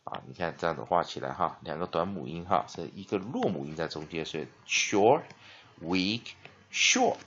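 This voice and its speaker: A man's voice: a bass voice, lively intonation, fast, hardly any pauses, muffled recording, slight background noise. A male English teacher giving a spelling and phonics lesson. He reads dictionary entries aloud, then explains them with frequent "ah" and "ha" fillers.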